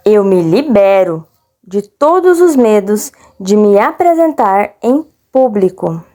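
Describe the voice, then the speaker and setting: A woman with a Brazilian accent leading a guided relaxation with affirmations in a soothing, deliberate manner. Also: medium pitch, warm tone. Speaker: guided meditation instructor.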